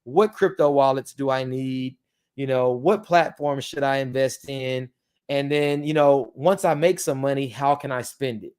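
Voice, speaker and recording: A crypto channel host presents a casual tutorial for his viewers, his speech slightly thickened by dental aligners. His medium-pitched voice is smooth, darkish and a little slow, and he rambles with lots of ums and you-knows.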